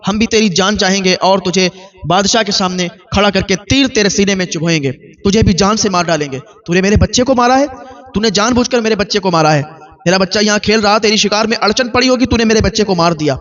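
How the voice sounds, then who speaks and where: A man's voice: sits high, a bit bright, distant mic. A man voicing a grieving father who speaks in an impassioned, emphatic way. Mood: accusing. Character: grieving father, angry and loving. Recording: dull lo-fi recording.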